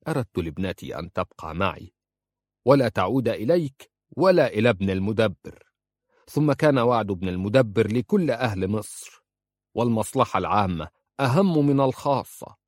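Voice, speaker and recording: A man voicing an older judge and father, proud and stubborn, speaking in a stern, measured way. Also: lowish voice, animated, darkish tone, no echo, clean studio sound.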